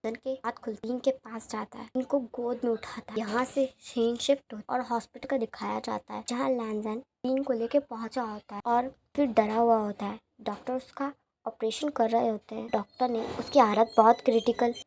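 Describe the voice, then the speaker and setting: A woman's voice: fairly high pitch, fairly even intonation, normal speed, gravelly, a little mellow, slight background noise. A woman narrating fan fiction in a plain, recounting storytelling manner.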